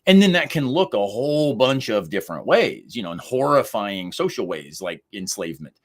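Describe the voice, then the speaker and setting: A man's voice: on the low side, big pitch swings, normal speed. A man co-hosting a podcast, talking through ideas in a thoughtful, casual way and laughing easily. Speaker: podcast co-host. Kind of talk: casual conversational discussion.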